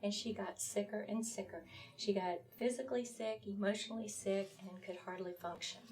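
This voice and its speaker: A woman's voice: medium pitch, steady tone, normal speed, darkish tone. A woman author as a talk-show guest, earnestly recounting a children's story. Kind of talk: interview storytelling.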